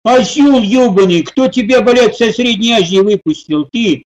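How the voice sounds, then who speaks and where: Cranky seventy-five-year-old grump with a high, thin voice, put on by a man, barking insults in short bursts over game chat. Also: moderate pace, darkish tone, lo-fi sound, lightly acted. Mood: scolding. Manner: abusive, scolding, rants in short bursts.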